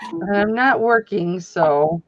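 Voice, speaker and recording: A woman's voice: fairly low pitch, slow, muffled recording, slight background noise. A woman chatting and teasing on a casual live stream, laughing often. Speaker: guest on a reseller live stream. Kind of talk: casual joking chat.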